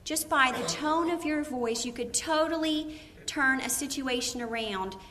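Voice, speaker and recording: A preacher's wife teaching a Bible lesson in a lively way, acting out the voices she quotes. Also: high-pitched, measured pace, a little hiss or hum.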